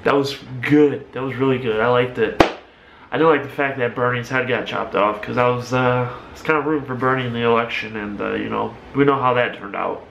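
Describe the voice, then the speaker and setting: A man's voice: medium pitch, steady tone, a little fast, creaky, lo-fi sound, background noise. Young man, casual reaction host, roomy sound. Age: young adult. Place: small room at home, indoors.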